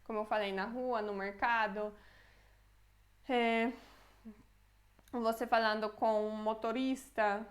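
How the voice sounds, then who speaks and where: A young Brazilian woman explains a language lesson with steady patience. Her voice sits a touch high, and she slows right down whenever she repeats a phrase so the learner can follow. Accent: Brazilian Portuguese. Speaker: language teacher. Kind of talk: Polish lesson explained in Portuguese.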